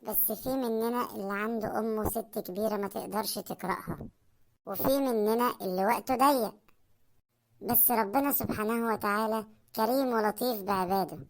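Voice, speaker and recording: An Egyptian woman speaks to her viewers with calm, earnest religious advice, her voice soft and fairly high. She talks quickly and evenly. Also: vocal fry. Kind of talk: religious advice at video's end.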